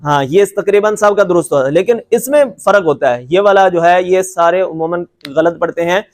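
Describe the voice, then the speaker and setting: A man teaching Quran recitation in a lecture, patiently repeating points and stretching out letter sounds to demonstrate them, with a reassuring tone. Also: high-pitched. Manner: reassuring and encouraging. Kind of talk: classroom lecture with slides.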